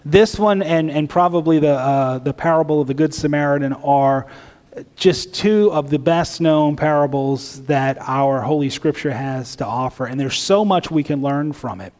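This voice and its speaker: A male preacher delivers an earnest sermon in a fairly high voice, pausing on fillers and restarts. He sometimes slips into imagined inner voices to make a point. His words ring out with the long reverb of a large hall. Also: darkish tone.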